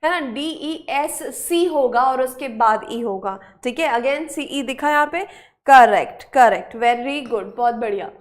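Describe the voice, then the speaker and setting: Female spelling teacher, Indian accent, high pitched, brisk and encouraging with her class. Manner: brisk, praising, urging students to hurry. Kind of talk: live online class, quizzing students.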